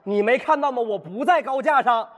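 A man's voice: very high-pitched, fairly quick, long reverb tail, background noise. A man playing a hapless, exasperated driver, complaining animatedly in a comedy sketch. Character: exasperated, hapless driver arguing with talking navigation. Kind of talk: comedy sketch stage acting.

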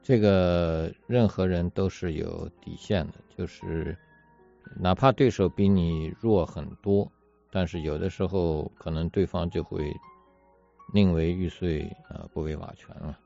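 Man, very low voice, mellow, measured and deliberate, casual discussion. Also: steady tone, gravelly. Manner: measured, deliberate, rhetorical questions. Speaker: commentator. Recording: dull lo-fi audio with faint music.

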